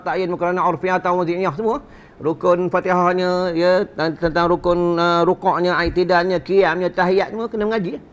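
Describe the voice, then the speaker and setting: A man with a Malaysian Malay accent giving a religious lecture at a mosque gathering, rhetorical and joking, quizzing his listeners. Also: sits high. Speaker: religious teacher. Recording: dull lo-fi recording.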